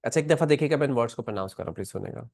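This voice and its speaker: A man's voice: mid-range voice, lively intonation, very fast, gravelly, darkish tone, dry recording, clean studio sound. A man teaching a classroom pronunciation lesson, patiently explaining and repeating words aloud. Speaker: language teacher.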